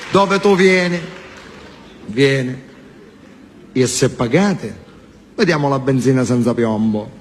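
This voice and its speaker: A man playing a deadpan Sicilian mafia boss in a comedy sketch, with a southern Italian accent and slow, deliberate, understated menace. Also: medium pitch, slight background noise, pitched below the performer's own voice, natural voice. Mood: calm menace. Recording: stage hall reverb, music behind.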